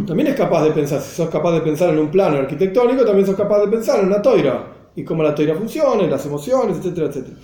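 Male teacher, high mellow voice, patient explainer, echoey room. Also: lively intonation, quick pace. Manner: explanatory, repeats phrases, mixes in Hebrew and Yiddish terms. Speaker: Torah teacher.

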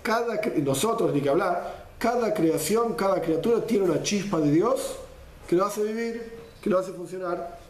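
A man's voice: high voice, moderate pace. Man teaching in an echoey room. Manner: lively explainer, mixes Hebrew quotes with Spanish gloss. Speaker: Torah class teacher. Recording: roomy echo.

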